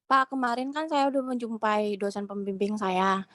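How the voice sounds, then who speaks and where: A woman's voice: medium pitch, normal speed, fairly bright tone. A woman, a student, politely and hesitantly asking her lecturer a question on a call. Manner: polite, hesitant, many fillers.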